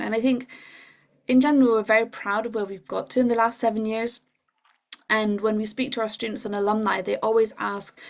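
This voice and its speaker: A woman's voice: mid-range voice, creaky. A woman giving a casual, conversational online presentation for an education charity over a video call microphone. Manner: casual, conversational, relaxed fillers.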